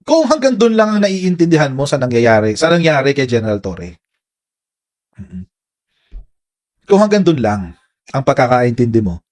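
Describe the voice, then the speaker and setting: A political commentary vlogger with a Filipino accent gives casual live commentary to his viewers, whom he calls "mga kababayan." Speaking at medium pitch, he's animated, laughs often, and reads viewer comments aloud.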